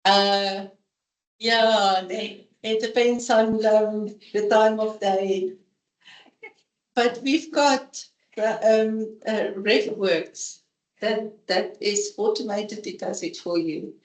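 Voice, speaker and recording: At a seminar in an echoey conference room, a woman professor talks candidly and conversationally, openly sharing her opinions. Her medium-pitched voice holds a steady tone and moves extremely slowly.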